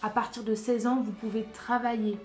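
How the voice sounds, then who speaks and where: A woman's voice: fairly high pitch, level tone, normal speed. A young woman from France chatting casually in a vlog, giving emphatic advice straight to her viewers. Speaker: vlogger. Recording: roomy echo with faint music.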